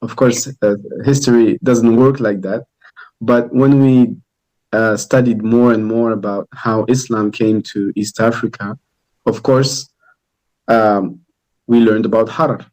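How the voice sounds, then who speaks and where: A man's voice: medium pitch, steady tone, moderate pace, darkish tone, low-quality recording. Hesitant man from Tunisia, thoughtful. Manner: thoughtful, hesitant with many fillers. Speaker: documentary filmmaker. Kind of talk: interview answer.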